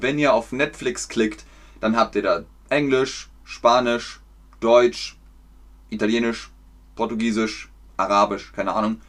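A man from Germany teaching German on a livestream, explaining slowly, clearly and patiently. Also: medium pitch, a bit bright. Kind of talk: livestream language lesson.

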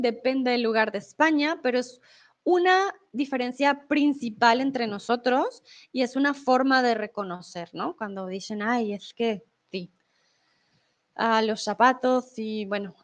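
A woman from Colombia with a Colombian accent, giving a casual live Spanish lesson and chatting with viewers. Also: fairly high pitch. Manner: chatty, explains with examples and asks "¿vale?". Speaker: Spanish teacher on a livestream.

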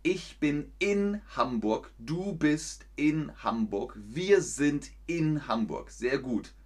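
Male German teacher on a live stream, slow and deliberate, lively pitch, repeats phrases and praises often. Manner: slow, simple phrasing, repeats sentences for learners; encouraging, frequent praise. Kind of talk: live-streamed language lesson, reading out chat.

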